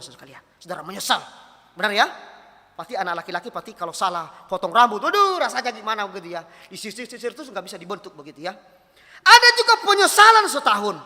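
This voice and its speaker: A man preaching to young people, his voice high and lively, swooping up and down as he questions the congregation. The tone is very bright and piercing, carried by the long reverb of a church hall. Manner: animated, asks the congregation questions, acts out quoted voices. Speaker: preacher at a youth service. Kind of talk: sermon.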